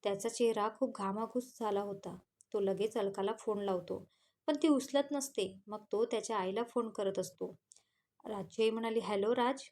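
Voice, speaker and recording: A woman with a Marathi accent reads a romance story aloud, voicing every character's lines in her own voice between plain narration tags. Her voice is medium-pitched and a little mellow, at normal speed.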